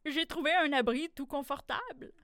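A woman voicing a chilly, polite male hare in a children's storybook, talking in a quick, friendly way. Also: high-pitched, fairly bright tone, no room sound, clean studio sound, pitched above the performer's own voice.

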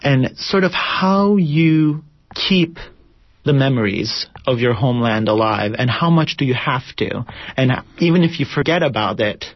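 A man's voice: medium pitch, expressive, measured pace, dry recording. A man from Turkey, a theater director, answering interview questions in a thoughtful, reflective way with many fillers. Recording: dull lo-fi radio broadcast.

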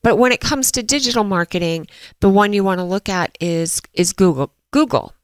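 A woman's voice: medium pitch, a little fast, smooth, no room sound, poor audio. A woman hosting a dental marketing podcast in a chatty way, a little stuffy from allergies, with frequent fillers and restarts. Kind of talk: casual podcast talk.

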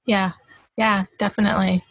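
A woman's voice: mid-range voice, flat delivery, moderate pace, fairly bright tone, dry recording, poor audio. A woman hosting a conversational interview, agreeing readily and affirming her guest's points. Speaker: interviewer, host.

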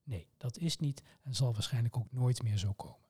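A man with a Dutch accent, answering interview questions in a measured, formal way with precise terms. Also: medium pitch, a little mellow, husky. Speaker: medical oncologist guest.

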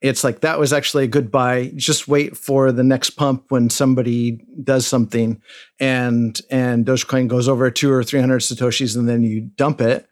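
A middle-aged man hosting a podcast, chatting casually and telling rambling stories. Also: medium pitch. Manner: rambling, animated storytelling. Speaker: podcast host. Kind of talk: casual chat.

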